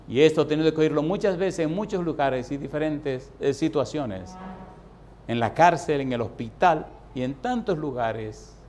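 A man preaching a sermon as a pastor, emphatic, asking repeated rhetorical questions and dropping soft for stories. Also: mid-range voice, a little hiss or hum.

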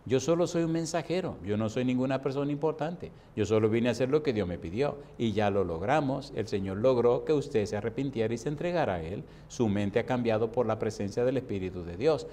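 A male pastor telling a story from the pulpit, going from soft asides to loud, forceful quoted speech. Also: medium pitch, animated, brisk, few pauses, a little hiss or hum. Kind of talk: dramatic preaching, storytelling.

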